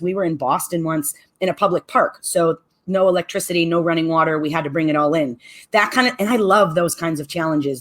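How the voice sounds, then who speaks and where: A middle-aged woman with a lowish voice, who owns a restaurant and plans events, answers radio interview questions. She speaks in an articulate, measured way.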